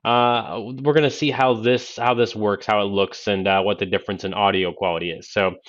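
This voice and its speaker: A man in his thirties hosts a casual tech unboxing, demonstrating a single-ear Bluetooth headset and talking into it in a halting, conversational way from a small home office. His fairly low voice keeps a fairly even intonation, and the audio has the dull, narrow-band sound of a Bluetooth headset.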